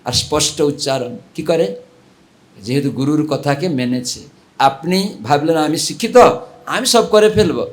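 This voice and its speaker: A monk preaches to a village gathering, telling stories and rising into exhortation and chant. His voice sits a little higher than most men's and stays animated. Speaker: monk giving a religious class. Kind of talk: storytelling sermon with chanting.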